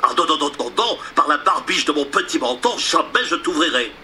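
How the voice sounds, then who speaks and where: A man's voice: on the high side, expressive, a little fast, noisy background, voice pushed up, natural voice. A man voicing a clever, stubborn little pig in a storybook reading, raising his voice to sound small and cheeky. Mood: defiant cheeky.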